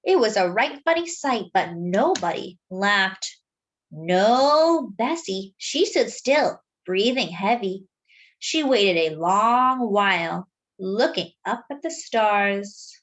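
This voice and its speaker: A female narrator at medium pitch brings a children's story to life aloud. She is dramatic and expressive, pacing her words deliberately for an audience of kids.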